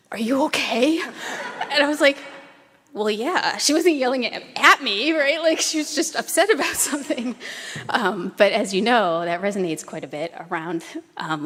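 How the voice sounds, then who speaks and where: A woman's voice: mid-range voice, fairly bright tone. Woman telling stories in a reverberant hall. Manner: anecdotal, light humorous asides. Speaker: former doctoral student giving a tribute. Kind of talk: memorial tribute speech. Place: chamber concert hall. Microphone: podium microphone.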